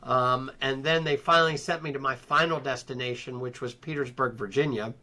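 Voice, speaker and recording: Middle-aged male guest, bright tone, reflective storyteller, lots of ums and restarts. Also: medium pitch, fairly even intonation, brisk. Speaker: interview guest. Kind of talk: personal storytelling in conversation.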